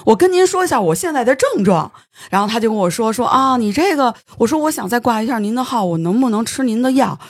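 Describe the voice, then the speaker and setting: A podcast host, telling a story in casual studio chat, animated and stumbling over words when excited. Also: medium pitch, fast talker, dry recording.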